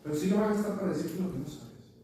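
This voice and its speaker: A pastor with a high voice preaches very fast in a church meeting room, telling stories and repeating words as he hunts for them. He's recorded from far off in the echoey room, with faint noise.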